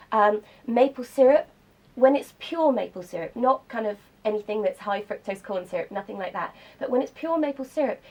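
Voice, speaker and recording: A woman's voice: on the high side, vocal fry, a little mellow. A woman, a cookbook author, talking enthusiastically about healthy desserts as a guest in a radio studio interview. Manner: enthusiastic, explanatory.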